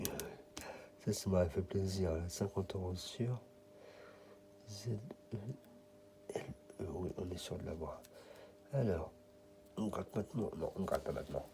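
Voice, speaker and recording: A man's voice: deep voice, background noise. A French man giving casual running commentary, muttering and half-whispering letters as he checks a card. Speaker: scratch-card vlogger.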